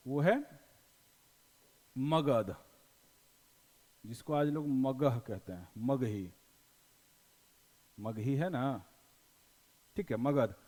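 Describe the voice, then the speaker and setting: A man's voice: mid-range voice, darkish tone, long reverb tail. A male teacher with a Bihari accent, giving a classroom lecture in a folksy style, asking questions and then answering them himself. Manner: explains with repeated questions and answers; folksy, mixes in local dialect.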